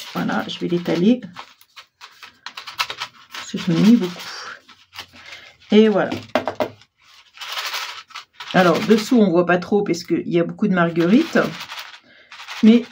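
A woman hosting a casual crafting tutorial, chatty and self-deprecating, full of fillers and clearing her throat often. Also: on the low side, dark tone, a little hiss or hum. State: frequent throat clearing, frog in throat. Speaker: crafting channel host.

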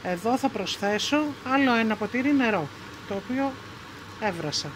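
A woman with a Greek accent hosting a home cooking video, calmly explaining each step in her kitchen. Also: a little high, noisy background. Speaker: cooking show host.

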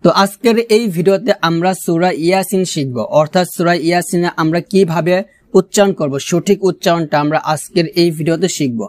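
A man with a Bangladeshi Bengali accent teaching Quran pronunciation, explaining quickly and then drawing out each recited word slowly. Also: high-pitched, no echo, studio quality. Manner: alternates quick explanations with slow, drawn-out recitation.

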